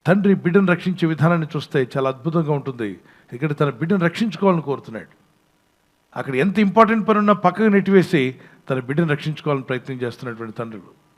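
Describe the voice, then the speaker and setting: A man with a fairly high voice preaches a sermon as pastor. He moves between quiet, gentle passages and loud, emphatic ones, and he also leads the congregation in prayer. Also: lively intonation, very fast.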